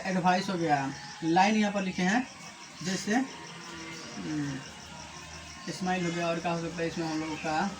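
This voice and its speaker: A man teaching a coaching class, working through pronunciation rules one at a time and calling his students bhaiya. He often asks a question and then answers it himself. Clear background noise runs under the recording. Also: high-pitched. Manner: explains rules step by step, adds a short motivational rhyme. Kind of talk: classroom lesson.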